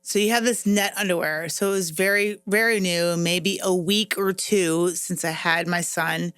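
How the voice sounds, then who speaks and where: A middle-aged woman co-hosting a podcast, telling an embarrassing story in a casual, animated way and laughing as she goes. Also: lowish voice, moderate pace, clear, resonant tone, no room sound. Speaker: podcast co-host.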